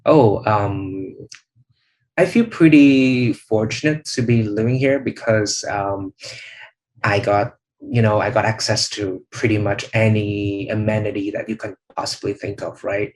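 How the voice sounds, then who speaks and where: A thoughtful young man from Vietnam speaks in a low voice, pausing often with "um" and "you know." He is a channel host and interviewee giving speaking test practice answers, and the recording is rough.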